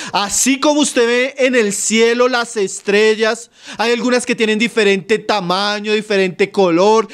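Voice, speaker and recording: A man from Colombia preaching a Bible sermon in a fairly high voice. He checks in with the congregation again and again, calling them brother. He rises loud for quotations and trails off low at the ends of his phrases. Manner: keeps asking the flock "¿sí?" and "¿no?", calls them "hermano".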